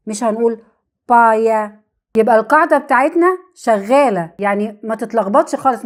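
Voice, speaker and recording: Woman, Egyptian Arabic accent, English teacher, slightly high pitch, repeats words slowly, asks herself questions. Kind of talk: lesson explaining vowel rules.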